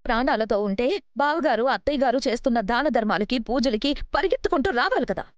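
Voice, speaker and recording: A woman's voice: a little high, lively intonation, fast talker, natural voice. An actress playing a stern, practical woman of a wealthy family, speaking firmly in a TV serial. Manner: firm, reasoning, dismissive. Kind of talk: TV serial acting.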